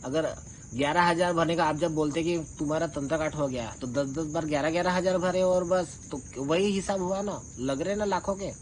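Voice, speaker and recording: A man speaking at a normal pace in a slightly high voice fires back in an informal, accusatory monologue, confronting someone like he's airing a grievance. Poor audio quality and clear insect-like chirping fill out the recording.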